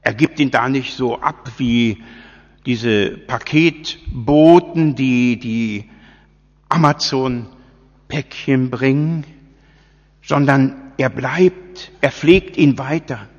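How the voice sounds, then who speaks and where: A man preaching a sermon, slow and deliberate, asking his listeners many rhetorical questions. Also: medium pitch. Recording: dull sound with long church reverb.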